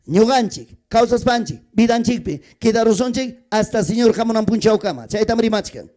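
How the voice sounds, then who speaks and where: A man's voice: sits high, animated, normal speed, mellow. A man with an Andean Peruvian Spanish accent preaching a sermon at a church gathering, moving between Quechua and Spanish and acting out little family scenes. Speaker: pastor.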